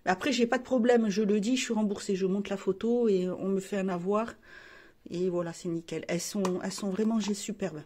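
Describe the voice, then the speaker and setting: Woman, beauty vlogger, chatty and rambling, many restarts, mid pitch. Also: steady tone, a little fast, darkish tone. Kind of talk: casual chat showing makeup palettes.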